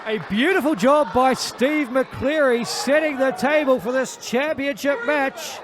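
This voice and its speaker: A male wrestling commentator with a very high-pitched, excited delivery. He calls the action emphatically and dramatically, with a clearly audible live crowd behind him. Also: unhurried, noisy background. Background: wrestling event crowd.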